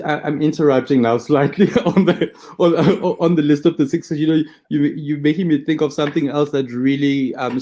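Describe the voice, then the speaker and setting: A man's voice: medium pitch, warm tone. Rambling, hesitant male interviewer. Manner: hesitant, rambling questions with restarts. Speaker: interview host. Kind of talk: interviewing a guest.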